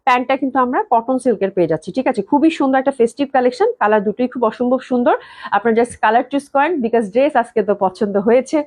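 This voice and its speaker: A young woman from Bangladesh hosting a live sales stream, reading viewer comments and chatting quickly, often checking in with "okay?". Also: fairly high pitch, a little mellow. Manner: rapid, chatty, keeps asking "okay?". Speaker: live-stream clothing seller.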